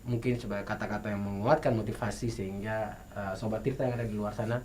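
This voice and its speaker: A man's voice: on the low side, steady tone, quick pace, a little mellow, a little hiss or hum. A man with an Indonesian accent hosting a TV and radio talk show, upbeat and announcer-like, with some fillers.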